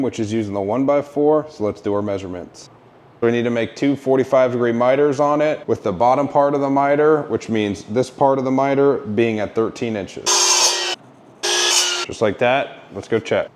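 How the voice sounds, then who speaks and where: A man's voice: medium pitch, darkish tone. Man, DIY tutorial, casual, upbeat, instructive, faint background noise. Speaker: DIY channel host. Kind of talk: step-by-step DIY tutorial narration.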